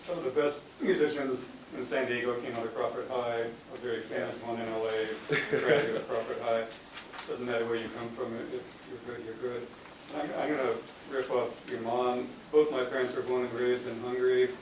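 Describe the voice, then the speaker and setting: A man's voice: medium pitch, flat delivery, fairly quick. A man on a career panel telling a family anecdote with wry, dry humor. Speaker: career panelist, music critic. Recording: distant mic, very roomy echo, clear background noise.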